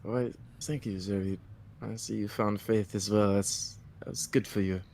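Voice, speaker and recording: A man's voice: on the low side, fairly even intonation, unhurried, creaky, a little mellow, slight background noise. A man playing a tabletop game, chatting casually in a slangy, informal way. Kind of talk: casual chat during play.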